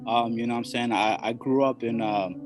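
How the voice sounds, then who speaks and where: A young man from Somalia, a hip hop artist, speaking in a laid-back, halting way full of fillers. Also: medium pitch, fairly even intonation, over music. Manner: laid-back, halting, constant "you know". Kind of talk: casual interview.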